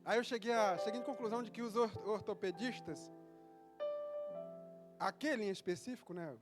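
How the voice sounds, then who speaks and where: Fervent high-voiced male preacher over music. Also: normal speed. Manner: conversational storytelling, rising to fervent preaching. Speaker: pastor. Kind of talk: sermon.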